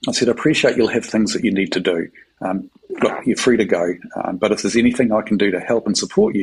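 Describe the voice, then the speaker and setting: A middle-aged man from New Zealand, a military chaplain, telling a story in a halting, filler-heavy conversational way with a New Zealand accent. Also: on the low side, husky, rough recording. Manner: halting, many fillers and repeated words.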